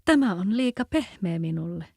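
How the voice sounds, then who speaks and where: Curious little girl in a storybook, Kven accent, mellow and dry, read by a woman. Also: medium pitch, animated, gravelly, no echo. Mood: fussy.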